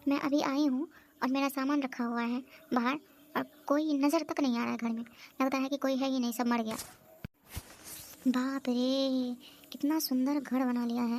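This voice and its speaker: A woman's voice: sits high, darkish tone, slight background noise. A woman voicing a bossy, hot-tempered married sister on a visit in a comedy cartoon, who scolds and complains constantly. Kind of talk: cartoon voice acting.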